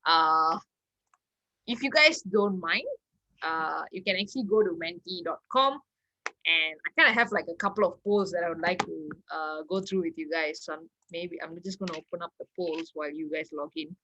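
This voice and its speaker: A woman's voice: lowish voice, moderate pace, pushed and bright, slight background noise. A woman hosting an online workshop over a video call, chatty and laughing often. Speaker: workshop facilitator.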